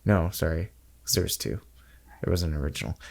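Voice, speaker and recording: Low gravelly man in casual chat. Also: fairly quick. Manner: rambling, dry joking. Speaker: podcast co-host.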